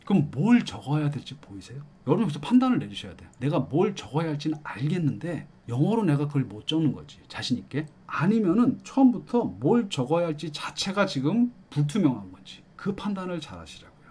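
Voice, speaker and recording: A man's voice: fairly high pitch, a little fast, few pauses, slightly rough. A middle-aged man giving an exam-prep lecture, coaxing and explaining, often asking "got it?". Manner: lively, coaxing, checks in with "알겠죠?". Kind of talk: explanatory lecture with questions to students.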